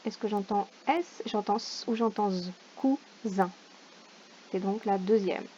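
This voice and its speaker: A primary school teacher, a woman, going over a homework correction for parents, sounding out each word slowly syllable by syllable. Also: mid-range voice, fairly even intonation, mellow, lo-fi sound, a little hiss or hum. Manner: slow, deliberate, sounds out words syllable by syllable.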